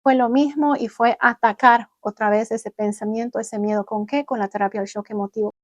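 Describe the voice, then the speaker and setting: A young adult woman vlogging, telling viewers about her own experience in an animated way and acting out what she once said. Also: fairly high pitch, fairly quick, no room sound. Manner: animated, acts out her own past words. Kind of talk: personal storytelling to viewers.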